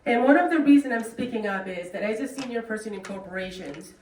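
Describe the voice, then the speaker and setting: Her medium-pitched, darkish voice moves quickly with lively intonation as she addresses a club meeting as guest speaker. She's a middle-aged woman from South Korea with a Korean accent, and her speech is earnest and plain. The recording picks up meeting-room echo, faint noise, and sounds distant.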